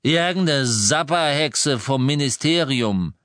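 A cowardly small-time crook wizard who whines, swears and talks his way out of everything, played by a man. The voice is high and swings up and down a great deal. The recording is dry and close. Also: animated, takes it slowly, fairly bright tone, dry recording. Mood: evasive. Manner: whiny, defensive, cursing. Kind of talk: audiobook character voice.

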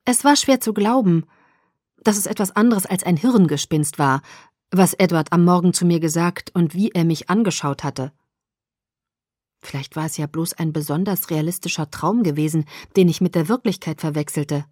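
A woman narrating a German audiobook in the first person, with a measured storytelling read. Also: on the low side, darkish tone, dry recording, studio quality.

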